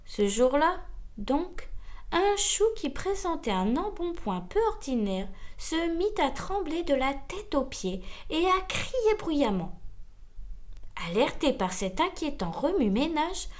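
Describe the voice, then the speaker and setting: Woman reading a kids book, high lively voice, takes her time. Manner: slow, expressive, theatrical. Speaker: storybook reader. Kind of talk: children's story reading.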